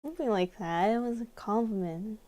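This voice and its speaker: A woman's voice: medium pitch, lively intonation, normal speed, warm tone, natural voice. A woman streamer voicing a tipsy, clingy young woman in a visual novel, with a slurred drunk drawl. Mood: drunk affectionate. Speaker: game streamer. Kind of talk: reading a visual novel role aloud.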